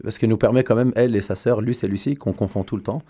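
A man's voice: fairly low pitch, steady tone, fast, dark tone. A man, a comedian co-hosting a podcast, chatting and joking in a playful, teasing way. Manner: playful, teasing, jumps into mock voices. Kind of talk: joking casual chat. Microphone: podcast microphone.

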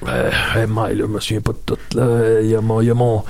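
A man's voice: on the low side, monotone, quick pace, darkish tone. A man voicing a toothless, rambling, forgetful old comedian of about ninety with a Quebec French accent, in improvised interview comedy. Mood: musing. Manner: rambling, hesitant, repeats phrases. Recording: clearly noisy background with clicks.

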